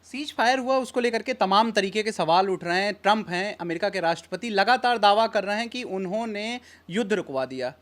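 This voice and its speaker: A woman reporter with a mid-range voice questions a guest. Her tone is steady and matter-of-fact as she pushes back. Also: medium pitch, brisk, hardly any pauses. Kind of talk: news interview questions.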